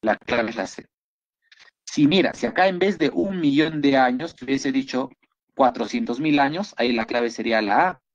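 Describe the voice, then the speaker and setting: Encouraging Peruvian biology teacher, dull lo-fi audio. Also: male voice, medium pitch, moderate pace. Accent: Peruvian Spanish. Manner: encouraging, repeats praise often. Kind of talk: online class, reviewing exam questions.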